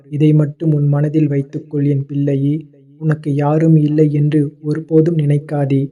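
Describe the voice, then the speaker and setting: A man voicing a fatherly male god who calmly consoles a devotee in a devotional address, repeating tender words of endearment. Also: fairly high pitch, natural voice. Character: fatherly male god comforting his child.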